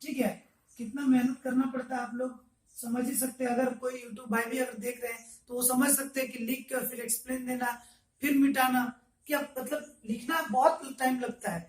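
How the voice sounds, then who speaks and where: A man teaching an online language lesson, repeating each example phrase slowly to show the pronunciation. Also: very high-pitched, flat delivery. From Jharkhand, India. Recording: echoey room, mic at a distance.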